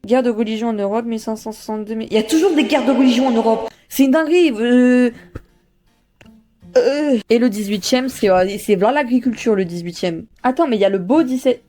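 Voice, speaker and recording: Young woman vlogging, high voice. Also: fast talker, hardly any pauses, soft background music. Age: young adult. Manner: self-mocking, swears, exclaims loudly. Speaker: student vlogger. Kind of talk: casual vlog chat. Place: bedroom at home.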